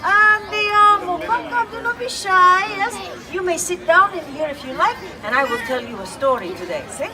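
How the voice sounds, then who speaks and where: A woman's voice: extremely high pitch, lively intonation, normal speed, hardly any pauses. A woman playing a kindly old Italian witch who brings gifts, speaking with a put-on Italian accent in a playful, coaxing way and asking children questions as she tells a story. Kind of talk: live in-character storytelling. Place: outdoors in a public urban space. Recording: distant outdoor recording with crowd.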